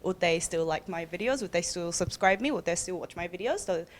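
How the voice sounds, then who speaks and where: A woman's voice: fairly low pitch, animated, brisk, a little hiss or hum. A young woman, born in Korea and raised in New Zealand, asks a panel a long, hesitant question full of ums and restarts. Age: young adult. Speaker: student audience member asking a question.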